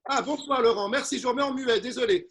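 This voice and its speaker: A man with a very high, bright voice hosts a homemade word game, heard through a video-call microphone. He sounds fussy and keeps calling out to missing players, trying to hold the game together. It is relaxed, joking studio-style patter delivered from his own home. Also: quick pace, husky. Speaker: game show host.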